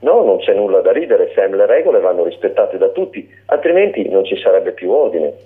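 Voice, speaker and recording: A man's voice: low voice, sing-song, a little fast. A man voicing a fussy, pompous male cockroach who manages a building, speaking with strained patience over a narrow phone-like line.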